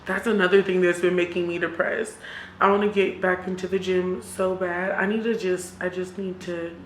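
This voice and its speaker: Woman, low voice, flat intonation, confessional vlog chat, candid, roomy echo. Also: moderate pace, slight background noise. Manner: candid, reflective, self-encouraging. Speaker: vlogger. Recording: roomy echo with music behind.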